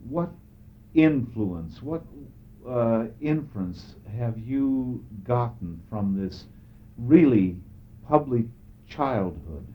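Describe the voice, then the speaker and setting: Slow-spoken male interviewer. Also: mid-range voice, animated. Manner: slow, deliberate questions. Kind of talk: oral history interview. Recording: muffled old tape.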